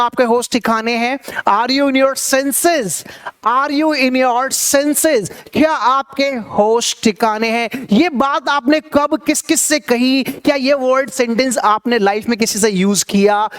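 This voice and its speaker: High-voiced man drilling English phrases. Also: a bit bright, clear, resonant tone. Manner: drills phrases slowly, repeating them for learners to echo; quick conversational explanations between drills. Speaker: English teacher. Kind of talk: spoken English lesson.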